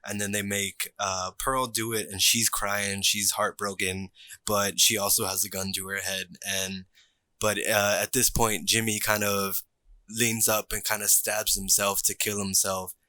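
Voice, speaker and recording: A man's voice: fairly low pitch, little pitch movement, a little slow, sharp tone, dry recording. A man co-hosting a podcast, steadily retelling a film's plot in detail. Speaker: podcast co-host. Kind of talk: casual movie recap chat.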